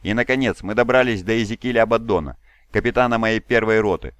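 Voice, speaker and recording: A man's voice: lowish voice, fast talker, a bit bright, clean tone, no room sound, lightly acted. A man voicing a proud, fatherly giant male warlord who speaks in a solemn, commanding way.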